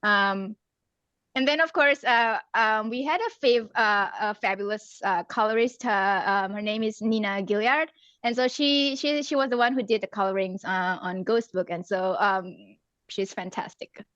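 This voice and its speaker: A woman from Singapore, an author, chatting casually about her story, hesitant with many pauses and laughs. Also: medium pitch, a bit bright, no room sound. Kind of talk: casual chat. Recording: dull dry lo-fi sound.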